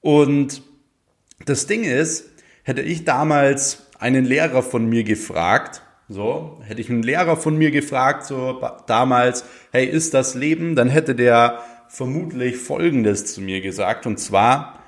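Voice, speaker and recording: A man's voice: mid-range voice, slow. A young man talking casually and motivationally to his viewers, with many fillers and rising emphasis on his key points. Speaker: motivational speaker.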